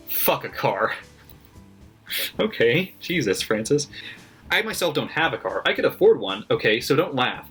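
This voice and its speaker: With faint music behind him, a man reads out the notes he scribbled in a book's margins, sardonic and critical, laughing at his own notes. His delivery is loose and chatty, full of fillers and swearing, in a mid-range, slightly bright voice with a breathy edge. He's a book vlogger.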